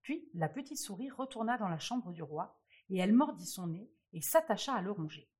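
A woman reading a fairy tale aloud with expressive storytelling. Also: mid-range voice, normal speed, breathy edge.

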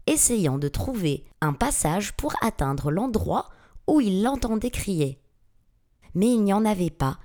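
A woman narrating a fantasy audiobook with dramatic, expressive storytelling. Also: lowish voice. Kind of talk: audiobook reading.

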